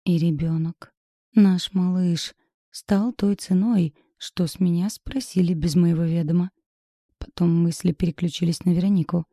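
A woman reads a first-person story in a measured, intimate, inward voice. It is low, very dark and gravelly, with a husky grain. The recording is dry and close. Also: steady tone, dry recording. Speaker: audiobook narrator. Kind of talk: first-person audiobook narration.

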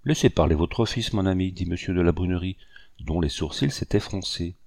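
A man reading an audiobook, voicing a good-natured older planter with a gently mocking manner. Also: deep voice, brisk, vocal fry, no echo, clean studio sound. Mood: serious.

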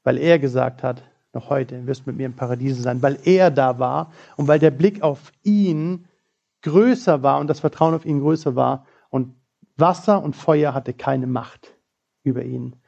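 A man's voice: medium pitch, measured pace, creaky, mellow, lo-fi sound. A man preaching a sermon in church, telling a personal story with earnest quoted prayers.

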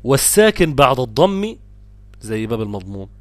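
A man's voice: mid-range voice, big pitch swings. Egyptian man drawling out tajweed examples. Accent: Egyptian Arabic. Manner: explains rules, then drawls out example words slowly. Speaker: Quran recitation teacher. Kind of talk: tajweed lesson.

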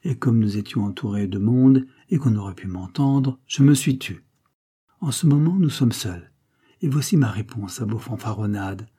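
A man's voice: medium pitch, lively intonation, normal speed, mellow, husky. A man reading an audiobook, voicing a scornful, domineering creole woman who talks in a cold, mocking tone. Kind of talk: audiobook character voice.

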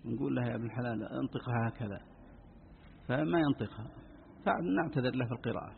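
A man, a sheikh explaining Quran recitation rules to students in quick asides. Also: mid-range voice, gravelly, slight background noise. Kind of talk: lesson commentary on a text. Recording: tinny phone-like line, long reverb.

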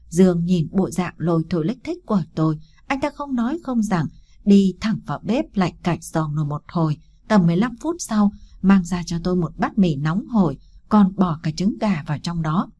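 A woman reading a first-person story aloud, steady and emotional. Her voice sits low and dark, with a husky, breathy grain. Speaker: audiobook narrator.

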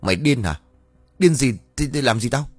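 A man's voice: medium pitch, expressive, normal speed, darkish tone, no echo, faint music behind, voice pushed up, lightly acted. A man voicing a quarrelsome older landlady, hurling insults. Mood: angry scolding.

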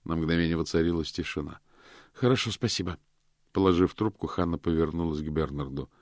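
A man narrating a detective novel in a steady storytelling manner. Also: extremely low pitch, quick pace, dry recording, clean studio sound. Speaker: audiobook narrator. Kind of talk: scripted narration.

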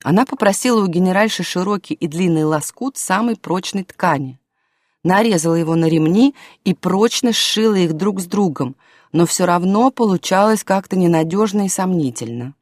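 A woman narrating an audiobook in a calm storytelling manner, dropping to a hush in quiet scenes. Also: on the low side, moderate pace, no room sound, clean studio sound.

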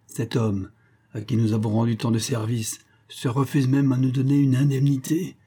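A man's voice: medium pitch, flat delivery, normal speed, mellow, breathy edge, pitched above the performer's own voice, natural voice. A man putting on a fretful hypnotist spy. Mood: anxious, aggrieved. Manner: stammering and complaining. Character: anxious, greedy male hypnotist spy.

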